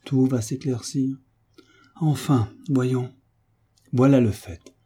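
A man voicing a calm, patient hunchbacked marquis in an audiobook, explaining things soothingly. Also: medium pitch, takes it slowly, slightly rough.

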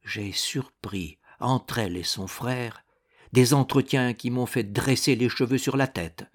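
A man's voice: medium pitch, unhurried, close to an everyday voice. A man doing a small secretive steward. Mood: earnest. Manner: earnest, eager to explain.

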